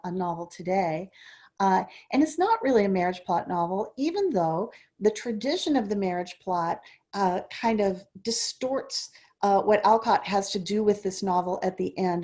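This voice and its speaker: A woman professor hosts a book club and gives an informal lecture, explaining her ideas point by point. Her voice sits at an ordinary middle pitch. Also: darkish tone. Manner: explanatory, lays out points step by step.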